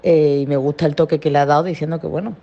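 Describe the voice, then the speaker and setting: A woman's voice: deep voice, steady tone, fast. A woman from Andalusia leaving a casual voice message for a podcast, hesitant and full of fillers. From Andalusia, Spain. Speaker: listener sending a voice message. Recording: dull, lo-fi voice message.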